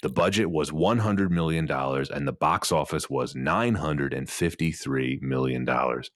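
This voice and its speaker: A man's voice: rumbling low, normal speed, dry recording, clean studio sound. A man hosting a casual film podcast, chatting and reading out film details with a few stammers. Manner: chatty, stammers on restarts, reads film facts out. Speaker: podcast host.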